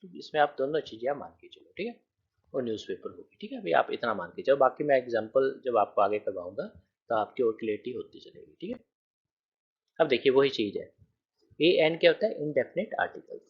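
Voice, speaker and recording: A man gives a grammar lesson in a husky voice. His pitch moves a lot as he counts through examples and checks that the class follows. The recording sounds dull and lo-fi. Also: big pitch swings, brisk. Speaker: teacher. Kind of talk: grammar lecture.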